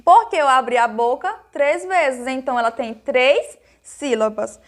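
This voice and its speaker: A Brazilian woman with a high, light voice gives a recorded grammar lesson to small children. She explains each point slowly and patiently, asks her pupils questions and answers them herself. She is affectionate and uses lots of diminutives. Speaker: primary school teacher.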